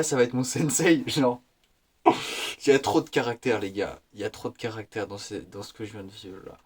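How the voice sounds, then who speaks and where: Slangy eighteen-year-old vlogger. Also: male voice, mid-range voice, a little hiss or hum. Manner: slangy, excitable, laughs often. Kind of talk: casual vlog chat.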